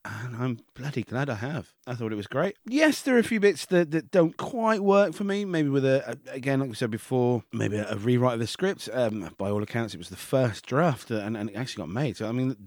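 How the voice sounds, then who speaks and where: A man's voice: mid-range voice, darkish tone, no echo, clean studio sound. Wry man co-hosting a podcast. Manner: wry, joking, laid-back. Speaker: podcast co-host. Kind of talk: casual chat.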